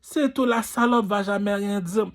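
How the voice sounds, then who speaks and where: A man's voice: high voice, moderate pace. A man with a Quebec French accent, hosting his own channel in a boastful, crude, swaggering street-talk rant. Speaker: channel host. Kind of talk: ranting monologue.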